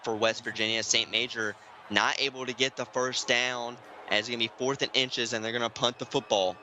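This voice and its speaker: A man doing play-by-play commentary for an online football game, keeping his voice hushed and excited, climbing high and loud on big plays. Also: a little fast, slight background noise, rough recording. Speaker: play-by-play announcer. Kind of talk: sports commentary. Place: home room, streaming.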